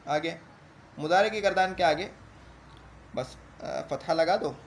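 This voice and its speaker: A man's voice: on the high side, slow pace, slight background noise. A man teaching a grammar lesson. He recites verb conjugations in a rising singsong and then explains them in plain speech.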